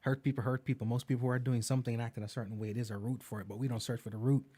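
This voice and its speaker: Man, host, casual interview, mid pitch, affirming. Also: fairly even intonation, rapid-fire, warm tone, breathy edge. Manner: affirming, frequent backchannel.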